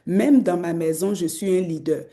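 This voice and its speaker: Woman preaching hard, warm low-key tone, acts out voices. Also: moderate pace. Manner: exhorting, rising to loud emphatic peaks. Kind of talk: sermon.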